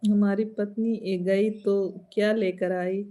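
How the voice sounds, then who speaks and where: A woman's voice: medium pitch, flat delivery, measured pace, warm tone. A woman folk singer with an Awadhi Hindi accent, chatting at home on a live stream, laughing often and answering viewer comments.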